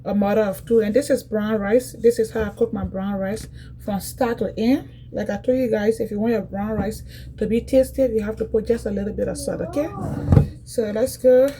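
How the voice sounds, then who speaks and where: In a low-quality recording with a little hiss or hum, a woman from Liberia, West Africa, casually cooks in her home kitchen and talks to her viewers, frequently repeating herself. Her medium-pitched voice is warm, fairly even in intonation, and moderately paced.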